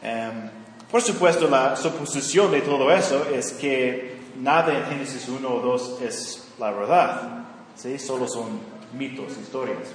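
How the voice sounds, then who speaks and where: A man's voice: mid-range voice, measured pace, slight background noise. A man teaching a Bible study lesson, using fillers and often checking in with his listeners. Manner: frequent fillers and check-in questions. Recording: echoey hall, voice from far off.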